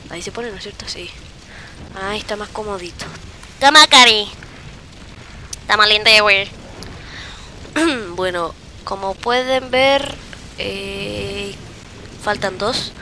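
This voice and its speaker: Man, Chilean accent, casual gameplay commentary, piercing bright voice, excitable, shouting bursts, faint background noise. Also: high-pitched. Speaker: gaming video creator.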